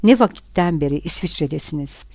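A woman's voice: deep voice, animated, a little fast, a little mellow, no room sound. A woman reading the lines of a stern policeman who curtly cuts the argument short. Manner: curt and stern. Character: stern male police officer losing patience.

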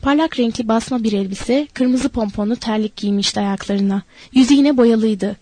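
A woman's voice: fairly high pitch, moderate pace, mellow, dry recording. Woman narrating an audiobook, dry close sound.

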